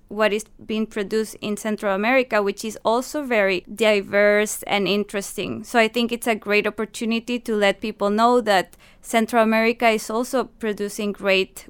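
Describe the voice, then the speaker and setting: Costa Rican woman with a clear voice. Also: a little high. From Costa Rica. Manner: earnest, explains step by step, non-native English phrasing. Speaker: university staff, event organizer. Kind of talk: radio interview guest. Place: radio studio.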